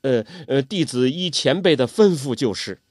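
A man's voice: medium pitch, expressive, normal speed, no echo, studio quality, close to an everyday voice. A man voicing an earnest, humble young male swordsman, who speaks politely and hesitantly. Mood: deferential.

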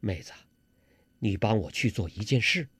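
A male storyteller voicing a sly, self-important young nobleman held prisoner, speaking low and hushed. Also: lively intonation, moderate pace, breathy edge, no echo, exaggerated voice.

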